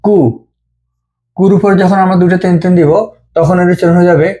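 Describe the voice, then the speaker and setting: Patient man with a mellow voice. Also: sits high, fairly even intonation. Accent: Bengali. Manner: slow, patient, repeating each sound. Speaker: language teacher. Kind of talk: step-by-step script lesson.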